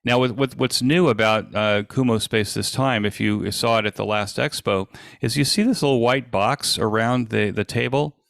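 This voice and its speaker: On an online video call, a man presents an informal live software demo at an event, explaining in a halting, stop-and-start way. His voice sits on the low side and is creaky, with clean studio sound and no room sound.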